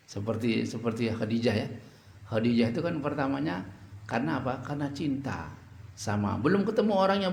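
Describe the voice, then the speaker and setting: A man's voice: medium pitch, creaky. A male preacher who recites Arabic lines and then explains them, with frequent checking 'ya'. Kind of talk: sermon. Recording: echoey room.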